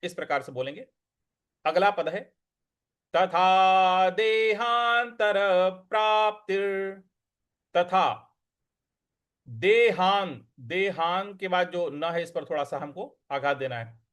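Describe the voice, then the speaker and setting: Slow, clear-voiced man teaching chanting. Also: high-pitched. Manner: chants verse syllables slowly, then explains pronunciation quickly and softly. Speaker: teacher of scripture recitation. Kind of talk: slow recitation lesson, chanting verses.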